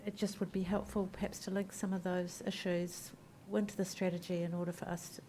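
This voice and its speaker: A woman's voice: fairly low pitch, flat delivery, a little fast, mellow, a little hiss or hum. A New woman councillor asks a question at a hearing, hesitant and full of ums and restarts. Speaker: city councillor.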